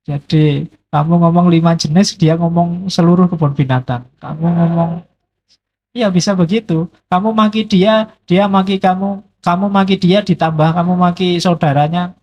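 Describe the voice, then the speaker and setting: A middle-aged man, giving a relaxed, joking philosophy lecture with playful everyday examples. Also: high-pitched, moderate pace. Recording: dull lo-fi lecture recording.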